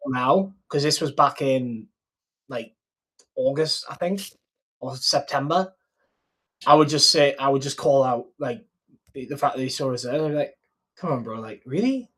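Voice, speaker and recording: On a low-quality recording, a British man of medium pitch talks at normal speed with long pauses, his voice a bit bright and husky. He's a sales closer picking apart an old call in relaxed, slangy commentary on selling. Words like "like" and "mate" pepper his informal talk.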